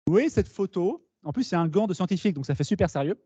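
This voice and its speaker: A man giving a lively conference talk to students, explaining with asides and questions to the audience. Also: high voice, fast talker, husky, no room sound. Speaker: speaker at a talk. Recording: dull, slightly lo-fi meeting recording.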